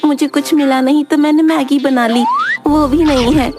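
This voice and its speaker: A woman's voice: sits high, fairly even intonation, moderate pace, music in the background, close to an everyday voice. A woman voicing a cheeky young bride who is always hungry, with a whiny, pleading way of talking. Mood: sheepish.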